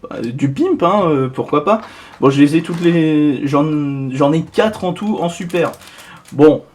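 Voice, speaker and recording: A man talks his way through a trading card opening in a loose, chatty style, full of small asides and musings on each card. His voice sits a touch higher than most men's. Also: animated, slow pace, darkish tone. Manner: chatty, rambling, full of little "hop, voilà" asides. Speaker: card collector opening boosters. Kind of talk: casual unboxing commentary.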